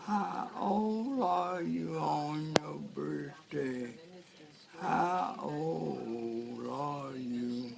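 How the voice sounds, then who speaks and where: Very old woman, gravelly, slow and sing-song. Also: low-pitched. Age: 90s. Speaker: family member in a home video. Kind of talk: singing and playful chat. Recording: home video with crowd noise.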